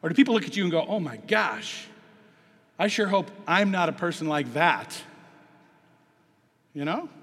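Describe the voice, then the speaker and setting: A man preaching a sermon as pastor, swinging from quiet asides to loud, emphatic peaks. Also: on the high side, big pitch swings, normal speed, long pauses, husky, long reverb tail.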